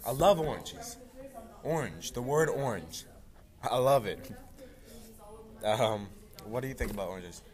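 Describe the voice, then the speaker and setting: A man's voice: mid-range voice, expressive, a little slow, long pauses. A man chatting casually about food, rambling and playful, repeating words, sounding a bit stuffy.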